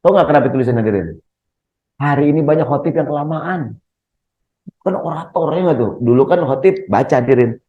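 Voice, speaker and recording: Jokey preacher in a mosque. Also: male voice, fairly high pitch, brisk, muffled recording. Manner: lively, jokey, keeps asking the audience questions. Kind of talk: humorous Ramadan sermon.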